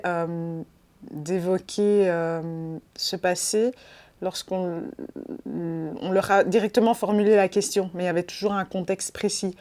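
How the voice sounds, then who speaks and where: A woman in her late twenties, born in Rwanda, speaking hesitantly and reflectively with many pauses in an interview. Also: lowish voice, a little mellow. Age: 20s. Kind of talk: testimony.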